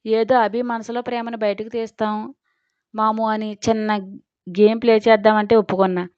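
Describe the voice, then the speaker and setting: A woman's voice: a little high, flat delivery, normal speed, no echo, natural voice. A woman voicing an anxious father who is frightened for his daughter, speaking in a pained way. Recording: dry, slightly dull recording.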